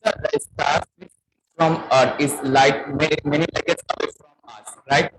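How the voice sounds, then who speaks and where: A man's voice: fairly high pitch, fairly even intonation, noisy background. Man on a glitchy, cutting-out call. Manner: halting, searching for words. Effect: choppy, cutting-out video call audio. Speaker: student asking questions. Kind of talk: question-and-answer session. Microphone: video call.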